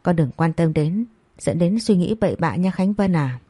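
A woman's voice: lowish voice, animated, normal speed, warm tone, slightly rough, dry recording. A woman voicing an angry, scolding middle-aged mother in a storybook reading. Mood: pleading. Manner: harsh scolding.

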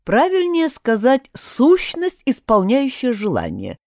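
Woman voicing a deliberate male companion. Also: fairly high pitch, huge pitch swings, a little mellow, no room sound, studio quality, pitched above the performer's own voice, full character voice.

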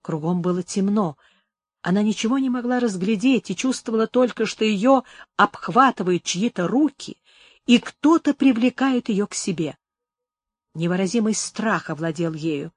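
An audiobook narrator giving a measured, expressive dramatic reading of a classic novel. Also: mid-range voice, no echo.

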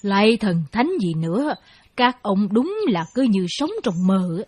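An actress playing a practical, scolding older village wife who speaks brisk and dismissive. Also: female voice, medium pitch, animated, darkish tone, no room sound. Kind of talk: radio play acting.

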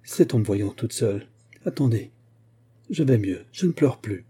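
A man reading the lines of a frail, grieving young woman who pleads and despairs, in a husky, dark voice. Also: mid-range voice, expressive, moderate pace. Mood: pleading. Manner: pleading, broken, desperate.

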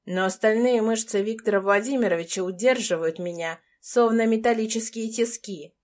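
A woman's voice: medium pitch, normal speed, a little mellow. A young adult woman reading a first-person romance audiobook as an anxious, tense inner monologue. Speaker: audiobook narrator.

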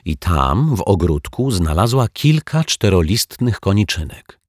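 A man's voice: sits low, very animated, measured pace, darkish tone, slightly rough, no room sound, studio quality, exaggerated voice. A man voicing a quarrelsome little girl who squabbles with her brother in a raised voice. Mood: indignant.

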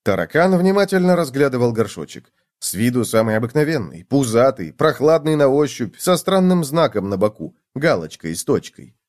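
Brief: male narrator, medium voice, lively expressive storybook reading. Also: mid-range voice, moderate pace, hardly any pauses.

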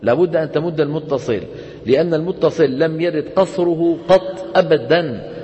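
A man teaching Quran recitation rules, quizzing his students with quick questions and answering them himself. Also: a little high, mellow, big-room sound, highs cut off. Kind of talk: classroom lecture on tajweed.

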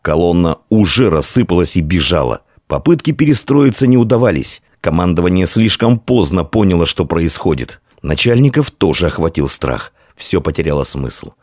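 Deep-voiced guy reading an audiobook, lots of melody, dry close sound. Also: sing-song, moderate pace, few pauses, darkish tone, no room sound. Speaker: audiobook narrator. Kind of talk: scripted narration.

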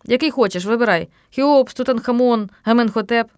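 A woman voicing a bossy, excitable boy who orders his friends about in a theatrical way. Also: a little high, brisk, clear, resonant tone, dry recording, clean studio sound, close to an everyday voice.

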